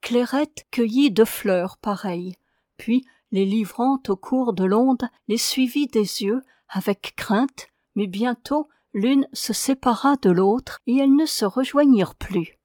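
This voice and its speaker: A woman reading a translated prose poem aloud as an audiobook, in a measured, solemn way. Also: on the high side, mellow, dry recording, studio quality. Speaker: audiobook reader. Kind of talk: scripted narration of a prose poem.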